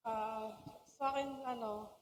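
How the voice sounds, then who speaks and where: A woman's voice: fairly high pitch, steady tone. A woman in the audience giving brief, hesitant answers to a speaker's questions. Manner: hesitant, halting replies. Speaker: audience member. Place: meeting hall. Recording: distant in a reverberant hall.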